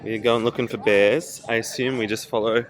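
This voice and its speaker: Walking outdoors through a mountain park, a travel vlogger with a lowish voice offers casual commentary at a moderate pace and with fairly even intonation. He's chatty and joking and laughs often, with outdoor noise audible behind him.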